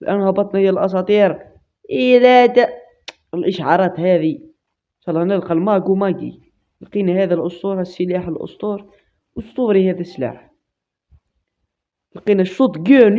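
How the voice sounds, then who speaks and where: High-pitched algerian guy hyped up commentating his game, yelling and going dub dub dub. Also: a little fast, pauses often, highs cut off. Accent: Algerian Arabic. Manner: excitable, shouts and makes gunfire noises. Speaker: gaming channel host. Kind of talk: live gameplay commentary.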